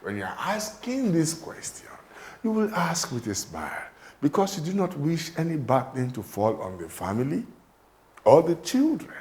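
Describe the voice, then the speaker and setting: A man's voice: on the high side, sing-song, normal speed. A man teaching greetings, coaxing his student to repeat after him in a playful way. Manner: coaxing, playful, mixes English and Yoruba. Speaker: language teacher.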